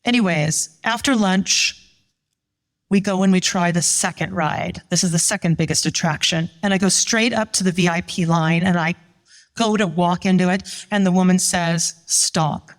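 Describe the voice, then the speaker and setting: Lively woman telling a story live. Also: lowish voice, moderate pace. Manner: animated, voices the people she quotes. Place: live show at a winery.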